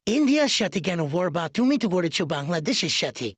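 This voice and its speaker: In a comic cartoon parody, a man voices a male political leader who is boastful and lovestruck, bragging and wooing in an exaggerated way. His voice sits high, he talks fast and with great animation, and there's no echo. The mood comes across as boastful and menacing.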